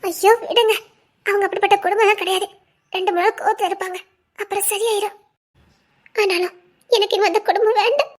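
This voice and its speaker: A very high, light voice belongs to a gentle young wife in an audio drama, as a woman acts her out. She speaks with a Tirunelveli Tamil accent and soothes and teases softly. Her tone is forgiving and warm-hearted. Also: steady tone, quick pace, long pauses. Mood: soothing. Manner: soothing, teasing, comforting.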